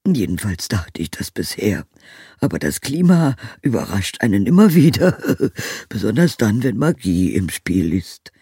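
A man reading an audiobook and voicing a boastful, blustery old wizard with a bluff, loud manner. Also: a bass voice, lively intonation, unhurried, vocal fry, breathy edge, no echo, clean studio sound, heavily acted. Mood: jovial. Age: older.

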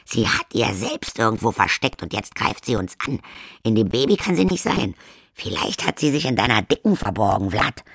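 A man's voice: lowish voice, very animated, normal speed, vocal fry, fairly bright tone, husky, no echo, clean studio sound, exaggerated voice. A man doing a scornful teenage vampire girl. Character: sulky, scornful young vampire daughter, 200 years old.

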